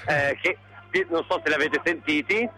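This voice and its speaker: A man's voice: on the high side, moderate pace, music in the background. A young man heard over the phone, reporting live into a radio show from a street march, earnest, with restarts and long lists.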